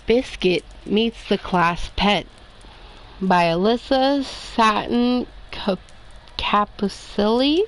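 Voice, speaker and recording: A woman reading children's picture books aloud in a slow, expressive storytime manner. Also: mid-range voice, low-quality recording. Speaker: storybook reader.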